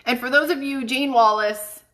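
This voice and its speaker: Bright-voiced chatty woman. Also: high-pitched, normal speed. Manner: chatty and emphatic, addresses viewers as guys. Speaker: psychic medium doing live readings. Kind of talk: casual live-stream talk.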